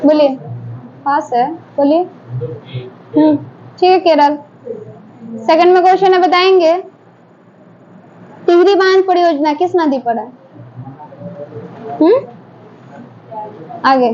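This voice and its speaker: A woman teacher quizzes her classroom, briskly pushing students to answer in turn. Her voice sits high. The recording is dull and lo-fi, with faint noise under it. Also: a little mellow. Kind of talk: classroom quiz drill.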